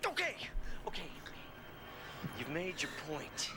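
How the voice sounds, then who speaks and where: A man's voice: high-pitched, huge pitch swings, a little slow, full character voice. A man voicing a nervous bug being interrogated by thugs in a 1990s video game ad skit. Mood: giving in. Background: loud music.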